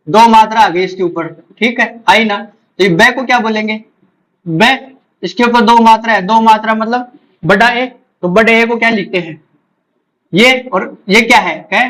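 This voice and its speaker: A man with a high voice gives an exam-prep English lesson. He repeats key points and sounds words out slowly, one sound at a time, checking that students follow. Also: a bit bright, poor audio. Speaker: English teacher.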